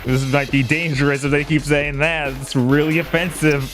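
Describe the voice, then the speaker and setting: A man's voice: on the high side, level tone, normal speed, over music. A man chatting casually as co-host of a gaming stream.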